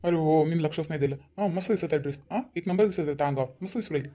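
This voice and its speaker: A mocking elderly village father-in-law from a cartoon comedy, played by a woman. The voice is low, dark and husky. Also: racing. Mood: impatient. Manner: teasing, chuckling. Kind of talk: cartoon voice acting.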